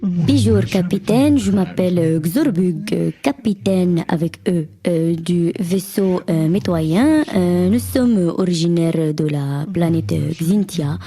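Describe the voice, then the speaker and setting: A woman playing a courteous, hesitant alien captain in a comic audio drama, pausing often between phrases. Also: on the low side, dark tone, slightly rough, heavily acted. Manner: halting, courteous, filling pauses with drawn hesitations. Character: polite, hesitant alien captain of a peaceful-sounding ship.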